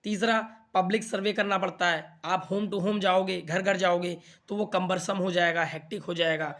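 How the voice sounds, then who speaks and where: Here a young man's high, slightly bright voice holds a steady tone at normal speed as he casually walks exam students through the material. He's chatty and frequently asks "theek hai na" to confirm they understand.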